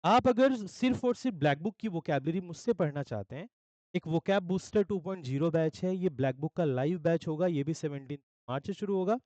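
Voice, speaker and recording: A young man from India, an English teacher with an Indian accent, promoting his course batches in an energetic sales pitch, often checking in with listeners. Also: a little fast, no room sound, poor audio. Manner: mixes Hindi with English phrases. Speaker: English teacher for exam aspirants.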